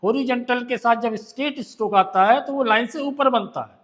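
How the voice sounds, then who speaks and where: A man's voice: very high-pitched, brisk, fairly bright tone. A man teaching a shorthand lesson, patiently drilling stroke names by repeating them. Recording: long reverb in a hall.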